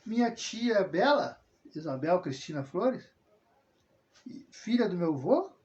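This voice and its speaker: This high-pitched male voice swings widely in pitch, moves at a slow pace, and has a darkish tone. He's a religious video host from southern Brazil, rambling through a casual personal monologue packed with tag questions and self-corrections. The recording sounds dull and lo-fi.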